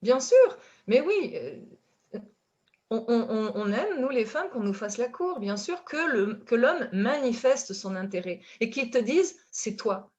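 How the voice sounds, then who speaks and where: A woman from France with a French accent, speaking as a relationship coach in a casual conversation, animated and full of fillers and restarts. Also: on the high side, a little slow. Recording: dull lo-fi sound.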